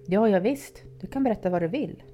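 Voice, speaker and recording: A woman's voice: medium pitch, animated, mellow, soft background music, pitched above the performer's own voice, natural voice. A woman voicing a nervous, polite teenage male babysitter who stammers anxiously.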